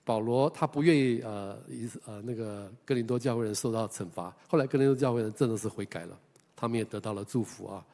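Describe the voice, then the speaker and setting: This older male pastor, speaking Mandarin with a Taiwanese accent, recounts something from his own life as part of a sermon in a large hall. His fairly low voice is creaky and a bit dark, and his chatty delivery leans on many hesitant fillers and stretched-out particles closing each phrase.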